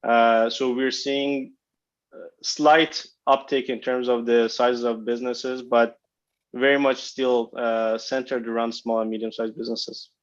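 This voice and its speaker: A man's voice: mid-range voice, little pitch movement, a little slow. A man, a company executive, answering analysts' questions on a conference call, speaking hesitantly with many fillers and restarts. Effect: conference call phone line. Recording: dull lo-fi conference line.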